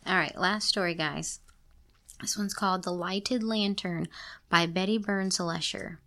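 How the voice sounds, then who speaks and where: A woman's voice: lowish voice, steady tone, measured pace, bright, forceful tone. A woman hosting a show, reading a story aloud and breaking off for playful, sarcastic comments. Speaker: podcast host reading stories aloud. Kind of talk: casual reading aloud with joking asides.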